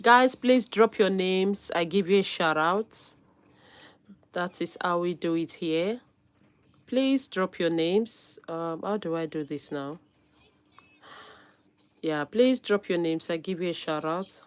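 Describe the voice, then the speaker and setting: On a laid-back live stream, a woman with a cold-roughened voice greets viewers by name and laughs a lot, staying upbeat. She speaks low and slowly, pausing often.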